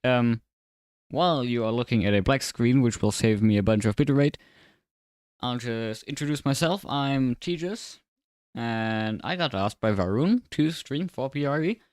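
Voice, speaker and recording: A man speaking with braces that make his S sounds slightly off, chatting casually and commentating on a livestream in a low-key, dryly sarcastic way. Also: a little slow, a little mellow, smooth, no room sound, clean studio sound. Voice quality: slightly slurred, odd S sounds from new braces. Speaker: livestreamer and sim racing commentator.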